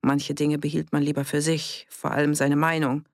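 An audiobook narrator reads a novel aloud as scripted narration, in a measured, even storytelling style. The voice is mid-range, and the recording is dry with clean studio sound.

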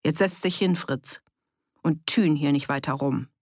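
A reader voicing a skeptical, gruff village innkeeper who doubts the loudmouth's story. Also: medium pitch, a little slow, no room sound, studio quality. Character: sweating, skeptical village innkeeper, middle-aged man. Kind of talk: audiobook character reading.

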